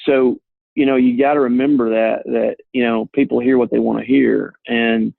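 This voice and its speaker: Through a thin, tinny phone line with dry sound and no room around it, a husky, gravelly-voiced insurance agent explains how plans work. He is earnest and plain, with medium pitch, flat delivery, and normal speed, in a casual call.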